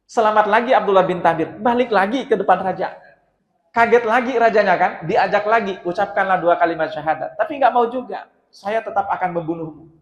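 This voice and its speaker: Male preacher, high voice, lively storyteller, long hall reverb. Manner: lively storyteller acting out dialogue. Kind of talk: mosque sermon storytelling. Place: mosque hall. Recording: dull, echoey mosque hall sound.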